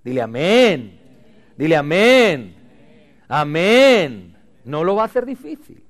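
A male pastor preaching a sermon, leading the congregation in call-and-response and moving between loud emphatic lines and quiet asides. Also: on the high side, big pitch swings, takes it slowly.

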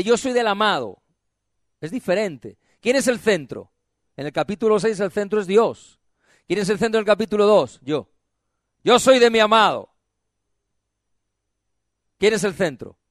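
A man preaching a sermon who asks questions and answers them himself, has the congregation repeat phrases, and drops to soft, low phrases for emphasis. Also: no room sound, clean studio sound.

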